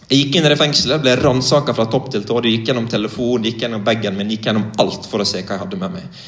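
A young man from Norway gives a sermon as a gripping personal story, speaking directly and earnestly. His voice sits a little low. The hall around him adds a roomy echo. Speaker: preacher. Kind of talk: sermon testimony.

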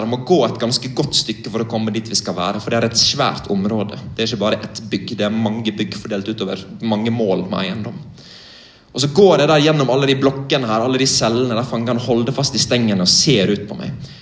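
A man's voice: mid-range voice, echoey room. A young man from Norway preaching, telling a vivid, earnest story in a direct way. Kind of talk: sermon testimony.

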